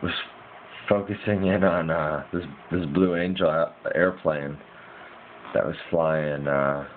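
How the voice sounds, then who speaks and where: A man's voice: a bass voice, steady tone, slow. A man casually rambles through a dream he had, piecing it together in a hazy, puzzled way with informal, slangy wording. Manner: informal slangy speech with mild swearing. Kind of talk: casual rambling first-person dream recounting. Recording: muffled lo-fi mic with hiss.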